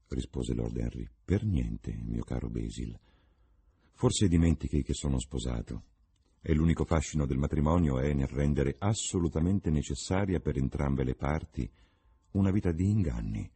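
A man's voice: extremely low pitch, animated, moderate pace, warm tone, slightly rough, heavily acted. Man reading a cynical witty lord. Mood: ironic. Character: witty cynical young English lord, amused.

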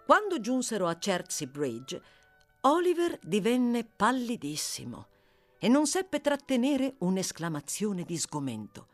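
A woman narrating a classic novel as an audiobook reader, with an expressive storytelling manner. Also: mid-range voice, a little slow, faint music behind. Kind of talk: scripted narration.

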